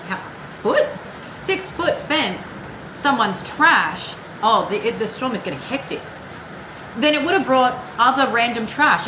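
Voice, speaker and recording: A woman giving a casual, rambling tarot reading with personal asides and the odd swear word. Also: on the high side. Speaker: tarot card reader. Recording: echoey room with clear background noise.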